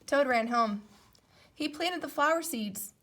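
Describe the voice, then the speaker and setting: A woman narrates a children's storybook. Her voice is high and very expressive in pitch, and she takes her time over each sentence. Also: unhurried. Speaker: storybook reader.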